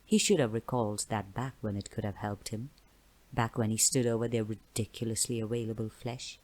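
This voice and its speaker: A woman narrating a fantasy novella aloud in a measured, dramatic reading style. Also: extremely low pitch, fairly even intonation, darkish tone, rough recording. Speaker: audiobook narrator. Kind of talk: storybook narration.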